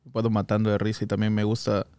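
A man's voice: fairly low pitch, fast, clear, resonant tone, no room sound, studio quality. A man with a Peruvian accent talking casually as a podcast guest, telling stories animatedly and mimicking people. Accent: Peruvian Spanish. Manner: animated storyteller, mimics others' voices. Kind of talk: casual chat.

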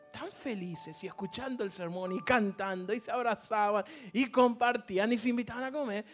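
Animated preacher, hushed to loud. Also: high-pitched. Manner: animated, swings from loud calls to hushed near-whispers. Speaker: guest preacher. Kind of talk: sermon with storytelling. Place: church.

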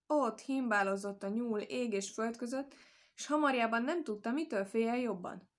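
A woman reading a folk tale aloud as storyteller, calm and measured. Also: a little high.

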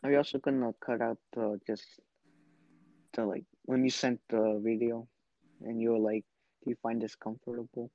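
A young man co-hosting a casual podcast, speaking in a tired, halting way as he tells stories. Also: medium pitch, flat delivery, no echo, muffled recording. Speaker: podcast co-host. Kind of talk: casual chat.

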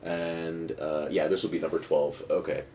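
A solo podcast host with a bass voice, level tone, moderate pace and dark timbre rambles casually, digressing, swearing and mocking himself. His first language isn't Dutch, and he speaks fluent English. The recording sounds dull and lo-fi with faint noise.

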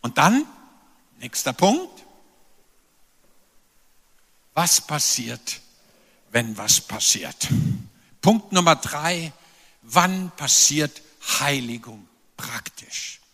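A man preaching a sermon, animated and emphatic, with playful asides to the congregation. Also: on the high side, takes it slowly. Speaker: pastor. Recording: long reverb of a large hall.

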